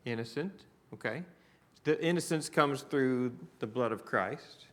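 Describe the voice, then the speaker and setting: A man's voice: mid-range voice, normal speed. A man with a Southern US accent leading a church Bible class, talking in a conversational way and putting questions to the class. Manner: conversational, asks the class questions, many restarts.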